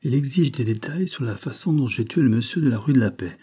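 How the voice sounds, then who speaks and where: A man's voice: medium pitch, expressive, a little fast, dark tone, husky. A man voicing a despairing jailed young man, lovesick and stubborn, who speaks in a raised, agitated voice. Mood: exasperated.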